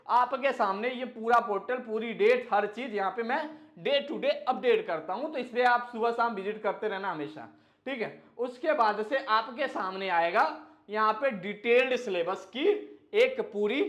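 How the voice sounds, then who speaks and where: A man's voice: very high-pitched, a bit bright. A man giving a casual explainer lesson on admissions, chatty and repetitive, calling viewers kids and brothers. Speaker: admissions guidance teacher.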